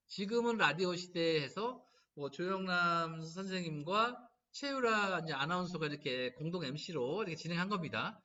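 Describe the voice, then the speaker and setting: A man lectures as a laughter therapist, acting out the remarks people make. His voice is high and bright and swings widely in pitch. It is picked up from a distance on a dull, lo-fi recording. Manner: animated storytelling, acting out quoted lines. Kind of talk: humanities lecture.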